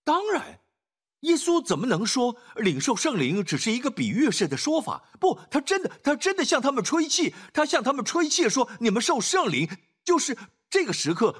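A man preaches a sermon with a breathy, husky tone. His voice is high and swoops dramatically between peaks and dips. He presses his points hard, stumbles on filler sounds, and keeps tossing in "Amen.". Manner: emphatic, frequent filler sounds, sprinkles "Amen".

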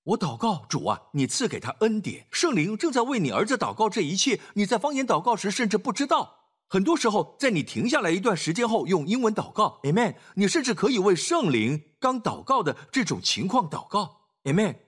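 A man preaches a sermon with a breathy, husky tone. His voice is high and swoops dramatically between peaks and dips. He presses his points hard, stumbles on filler sounds, and keeps tossing in "Amen.". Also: big pitch swings, brisk, a bit bright. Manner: emphatic, frequent filler sounds, sprinkles "Amen".

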